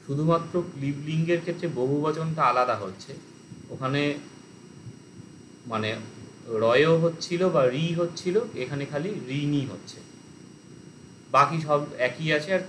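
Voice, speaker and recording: A man teaching an online language lesson, explaining grammar and reciting word forms slowly. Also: fairly high pitch, a bit bright, a little hiss or hum, low-quality recording.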